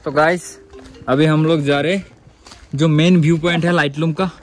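Holding his phone camera at arm's length, a young man vlogs his travels from inside a car and later from a scenic outdoor viewpoint. His voice sits on the high side with fairly even intonation and normal speed, and he stays chatty and upbeat, addressing viewers as "guys."

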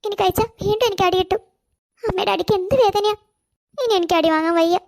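Parukkutty, a high little girl. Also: steady tone, quick pace, gravelly. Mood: sad. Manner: high childlike voice, plaintive and self-pitying. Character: hungry sad little girl, gentle and polite. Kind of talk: cartoon voice acting.

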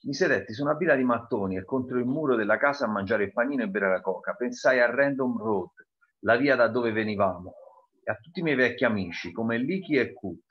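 A man reading a novel aloud in a calm, deliberate way, pausing to comment on the story. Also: medium pitch, dull audio. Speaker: reader presenting a novel.

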